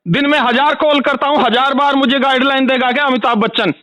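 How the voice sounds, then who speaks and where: Angry guy yelling at customer care, high sharp voice, phone call. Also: fairly even intonation, quick pace, no room sound. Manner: furious, ranting, repetitive. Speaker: angry caller.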